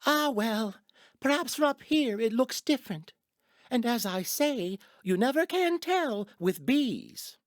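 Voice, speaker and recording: A woman playing a gentle, naive, earnest storybook bear in a children's audio drama, musing in a slow-witted way. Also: fairly high pitch, animated, no echo, clean studio sound. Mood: hopeful.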